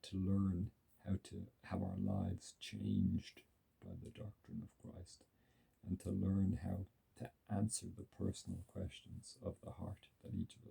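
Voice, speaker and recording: Earnest male commentator, husky and breathy, repeats key words for weight. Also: deep voice, dark tone, rough recording. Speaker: religious commentator. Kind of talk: reflective religious commentary.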